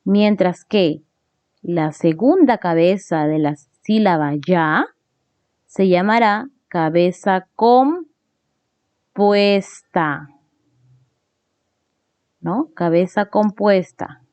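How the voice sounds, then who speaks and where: A woman's voice: on the low side, slow, darkish tone, dry recording. A woman teacher explaining a grammar lesson step by step, often checking in with tag questions. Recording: dull lo-fi recording.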